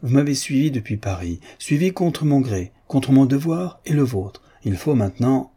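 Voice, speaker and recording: A man's voice: mid-range voice, animated, normal speed, warm tone, husky, voice pushed up. A man doing an impetuous dashing chevalier. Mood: impatient. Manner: assured, impatient. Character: impetuous dashing male chevalier, vain and proud.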